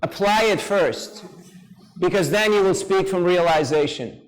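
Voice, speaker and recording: High-voiced man giving a lively devotional talk. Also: measured pace, low-quality recording. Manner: lively, playful, asks the audience questions. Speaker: speaker at a seminar.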